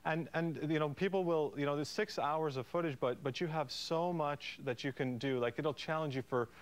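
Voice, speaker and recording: A man's voice: fairly high pitch, moderate pace. A man speaking as a guest yoga instructor, explaining and demonstrating in an informal, earnest, encouraging way.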